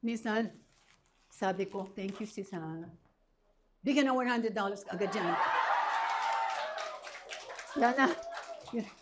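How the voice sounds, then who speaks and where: A woman's voice: medium pitch, slow pace, pauses often, background noise. A woman pastor, preaching an emphatic sermon that moves between Tagalog and English.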